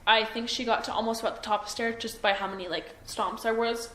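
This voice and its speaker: A woman's voice: a little high, fairly even intonation, fast talker, a bit bright. Hesitant young woman in an echoey room. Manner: hesitant, full of ums and self-doubt. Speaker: interviewee. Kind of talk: recorded police interview. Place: interview room. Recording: echoey room, faint noise.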